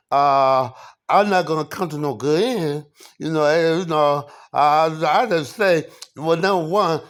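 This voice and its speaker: A man delivering a personal monologue, halting with many fillers and repeated words, preaching with rhetorical questions. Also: fairly high pitch.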